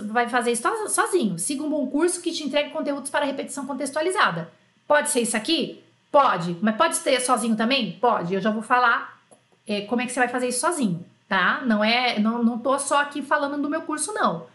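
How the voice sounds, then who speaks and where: A woman's voice: sits high, a bit bright. Emphatic woman teaching, roomy echo. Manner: emphatic, repeats key points. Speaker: French teacher. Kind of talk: online lesson.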